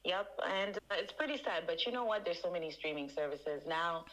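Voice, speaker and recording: Woman, podcast co-host, casual chat, very low voice, chatty and explanatory. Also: expressive, a little fast, fairly bright tone, rough recording.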